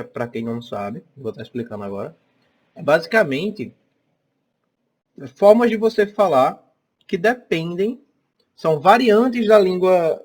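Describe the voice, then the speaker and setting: A young man with a Northeastern Brazilian accent teaches an online class in a slightly high, somewhat mellow voice. He's chatty and keeps checking in with "tá?" and "né?" as he goes.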